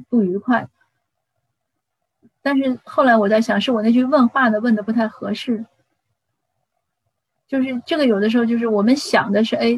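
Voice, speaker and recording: A woman's voice: on the high side, slightly rough, dry recording, low-quality recording. A middle-aged woman talking casually about parenting, with frequent restarts and personal anecdotes. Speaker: parent giving advice. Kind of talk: casual advice talk.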